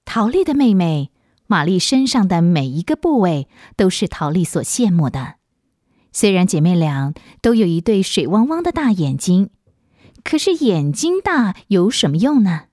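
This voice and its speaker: A woman narrating a children's story in a gentle, expressive storytelling manner on a close studio mic. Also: lowish voice, moderate pace, no room sound.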